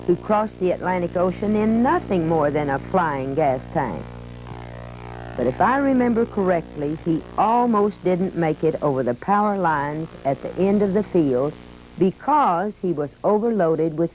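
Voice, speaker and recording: Voicing an aging retired army biplane, an American woman reminisces folksily in scripted museum narration. Her voice is lowish and darkish, and the audio is dull and lo-fi with faint music in the background.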